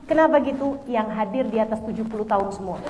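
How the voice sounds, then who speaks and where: A middle-aged woman preacher giving a lively, conversational religious lecture to women, often acting out bits of dialogue. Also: a little high, fast talker, a little hiss or hum. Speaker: Islamic preacher.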